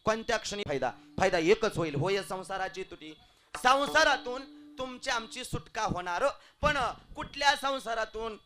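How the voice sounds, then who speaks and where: A man preaching a devotional kirtan sermon, declaiming loudly and then dropping to hushed asides. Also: high voice, lively intonation, moderate pace. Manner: declaiming, swings between loud proclaiming and hushed asides.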